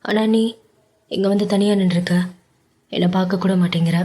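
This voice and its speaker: A woman voicing an affectionate young man who coaxes and teases his love with brisk, playful talk in a storybook romance. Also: medium pitch, steady tone, warm tone, lightly acted. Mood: coaxing. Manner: brisk, coaxing and teasing. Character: affectionate wealthy young man, teasing and devoted.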